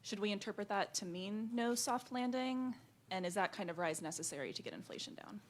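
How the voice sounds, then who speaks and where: A woman's voice: medium pitch, brisk. A woman asking a prepared question politely and directly as a newspaper reporter at a press conference.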